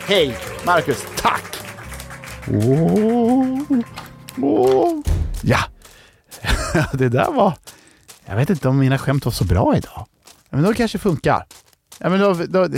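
Guy hosting a kids bedtime show, goofy and rambling, gravelly voice. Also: on the high side, a little mellow. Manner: rambling, playful, self-correcting. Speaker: host of a children's bedtime show. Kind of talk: playful storytelling and joke-telling.

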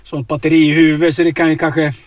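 A man telling absurd stories in a deadpan, rambling way inside a car, tagging his lines with questions. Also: on the high side. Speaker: comedic storyteller. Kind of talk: deadpan absurd comedy chat.

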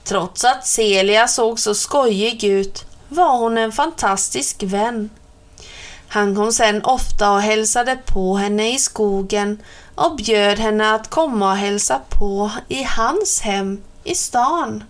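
A woman hosting her own channel, reading a children's story aloud with clear, expressive storytelling. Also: medium pitch. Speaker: reader, channel host.

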